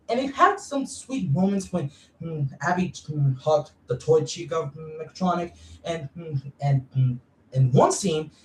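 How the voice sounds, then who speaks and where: A woman rambles through a casual movie review, stopping to hum between nearly every phrase. Her pitch leaps up and down in lively swings. She sounds a little away from the mic in a roomy, echoing space. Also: far from the mic. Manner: hesitant, full of hums and fillers; excitable, insists she is serious. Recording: echoey room, voice away from the mic.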